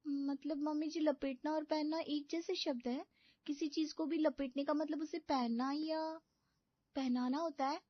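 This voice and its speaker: A woman's voice: high voice, steady tone, unhurried, dry recording, lo-fi sound, pitched above the performer's own voice. A woman voicing a naive, dim-witted young bride who talks innocently and sweetly in a cartoon story.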